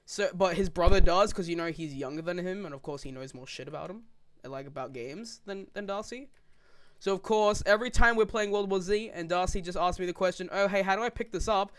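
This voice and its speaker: Rambling young man, high smooth voice. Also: fairly quick. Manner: rambling, restarts sentences, swears casually. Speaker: podcast host. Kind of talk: casual chat. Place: home, gaming while talking.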